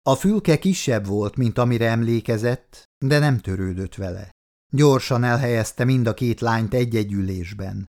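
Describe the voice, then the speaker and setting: A man narrating an audiobook in a dramatic way, acting out the characters' lines. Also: medium pitch. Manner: dramatic, voices the dialogue.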